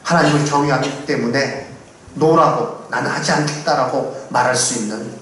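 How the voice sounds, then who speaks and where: Booming pastor in a very echoey church. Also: male voice, steady tone, moderate pace, slight background noise. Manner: swings between loud emphatic declarations and quiet low asides; solemn, exhorting cadence with repeated benedictions. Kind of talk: sermon. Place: church sanctuary. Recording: very echoey hall, mic far off.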